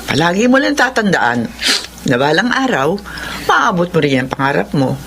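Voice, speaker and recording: A woman's voice: on the low side, sing-song, normal speed, a bit bright. An actress playing a caring, encouraging middle-aged mother in a Filipino radio drama, emphatic and motherly, with a Filipino accent. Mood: consoling. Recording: noisy track with background ambience.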